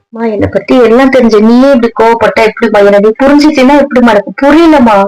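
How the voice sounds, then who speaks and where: A woman's voice: on the high side, fast talker, a little mellow, close to an everyday voice, poor audio. A woman voicing a young adult daughter, a doctor, who pleads with and coaxes her mother in a comedy skit. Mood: pleading. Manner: pleading and coaxing. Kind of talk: scripted comedy skit dialogue.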